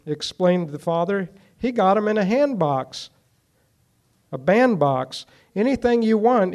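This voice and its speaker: A man reading historical accounts aloud in a measured, deliberate way, with small restarts, then commenting on them. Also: high voice, darkish tone.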